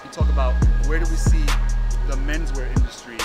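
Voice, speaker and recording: Host doing a bouncy sing-songy intro, mid-pitched voice, hip hop blasting behind. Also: fairly even intonation, brisk, over loud music. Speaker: show host introducing a guest. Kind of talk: show intro over music.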